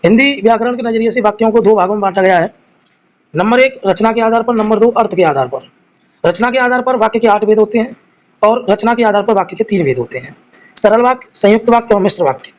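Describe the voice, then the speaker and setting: A man's voice: sits high, lively intonation, a little fast, low-quality recording. A man teaching a live grammar class, reading each quiz question and its options aloud, then explaining the answer and addressing his students fondly as children.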